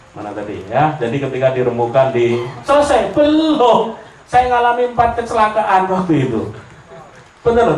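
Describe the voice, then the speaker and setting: Speaking in a mid-range voice, this Javanese-accented preacher jokes his way through a sermon in a lecture hall, acting out the people in his stories and drifting into Javanese as listeners laugh. It's captured from afar in an echoey space with slight background noise.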